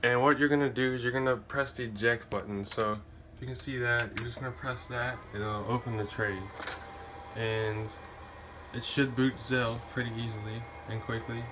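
A man talking into a handheld phone camera in a dim room at home, giving a loose, rambling tutorial. His voice stays level and flat, with few rises or falls. A faint hum of the room sits behind him. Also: medium pitch, normal speed. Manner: loose and rambling, full of ums and uhs. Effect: recorded on a handheld phone camera. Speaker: tutorial maker. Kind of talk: casual how-to walkthrough. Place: dark room at home with the console. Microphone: phone held while filming.

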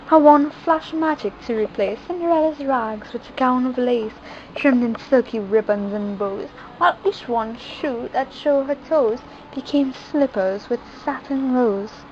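A woman reading a rhyming picture book aloud at home, in a lively sing-song delivery. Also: high voice, lo-fi sound, a little hiss or hum. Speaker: reader.

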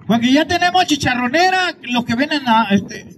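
High, lively Mexican comic man. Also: slight background noise. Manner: teasing, rapid, mock-dramatic outbursts. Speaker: street comedian hosting a kids' contest. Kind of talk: comic crowd banter with a mic. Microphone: handheld mic.

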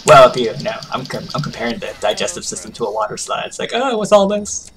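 A man's voice: fairly low pitch, fairly even intonation, fast, fairly bright tone. A man co-hosting a casual gaming stream, joking and teasing as he plays. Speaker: stream co-host.

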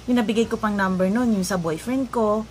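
A woman vlogger telling a personal story in a casual, animated way, often laughing and joking along the way. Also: mid-range voice, fairly quick. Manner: animated, laughs at her own story, jokes. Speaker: vlogger recounting a personal ordeal. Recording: noisy ambience behind voice.

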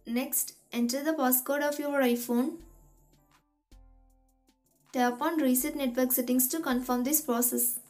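A woman with a high voice reads out a tech tutorial step by step. Her delivery is even and methodical. Soft music plays faintly underneath. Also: a little slow, pauses often. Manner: even, methodical instruction reading. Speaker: tutorial host.

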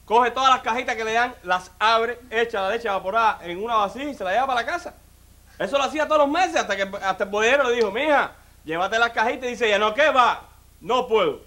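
A man from Cuba races through a stand-up routine in a very high, bright, forceful voice. Chatty and direct with the audience, he leans heavily on "mira" and "óyeme."

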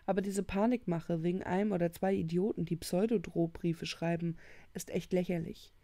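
A woman's voice: fairly low pitch, fairly even intonation, moderate pace, mellow, dry recording, lightly acted. A woman voicing a teenage boy who brushes off worries and defends himself in a storybook reading. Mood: defensive. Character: dismissive teenage boy gamer.

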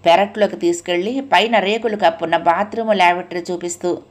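A woman narrating a novel aloud as an audiobook, in a steady, even storytelling manner. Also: lowish voice, a little fast.

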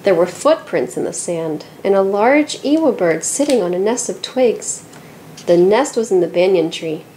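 A woman reading a children's picture book aloud, telling the story in a lively and expressive way. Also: medium pitch, normal speed, a little hiss or hum, rough recording. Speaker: storybook reader.

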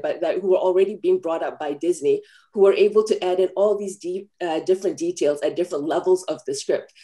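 A woman's voice: on the low side, mellow. A woman from Malaysia, a film screenwriter, answering press questions over a video call in an earnest, thoughtful way with many fillers. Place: home room, video call.

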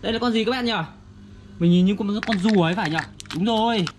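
High-voiced northern Vietnamese man, toddler-style talk. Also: fast, background noise. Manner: simple, repetitive talk as if to a toddler. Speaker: vlogger for young children. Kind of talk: casual child-directed show-and-tell. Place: outdoors beside a garden fish pond.

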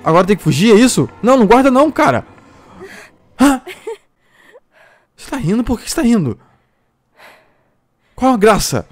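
A man's voice: sits high, big pitch swings, moderate pace, pauses often. A man commenting on a horror game as he plays, jumpy and talking to himself about what to do. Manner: jumpy, exclaims and yelps at scares; talks to himself, asking what to do. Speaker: gameplay streamer. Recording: game music faint behind.

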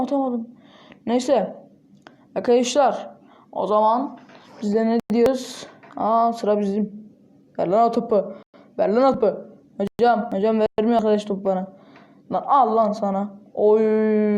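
A woman talks through a mobile game in a casual, chatty way. Her voice sits fairly high, with a soft, mellow tone. She keeps breaking into sudden bursts of excited exclamations. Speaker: gaming channel host.

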